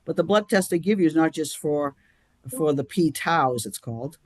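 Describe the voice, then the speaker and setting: A man with a Boston accent answers questions on a live-stream interview, rambling and halting as he goes back and restarts his sentences. His voice sits a little high for a man. The sound is dry and close, with no room around it. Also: expressive, no room sound. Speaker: guest.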